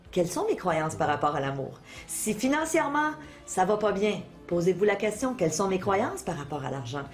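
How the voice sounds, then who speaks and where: A middle-aged woman with a Quebec French accent, explaining self-help ideas conversationally as an interview guest, teaching through questions and examples. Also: lowish voice. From Quebec, Canada. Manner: didactic, addresses listeners with questions and examples. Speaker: interview guest, motivational speaker and author.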